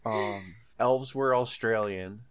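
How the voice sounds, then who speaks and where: A man's voice: on the low side, slow pace. A man chatting casually about tabletop games, telling stories in a crude, offhand way.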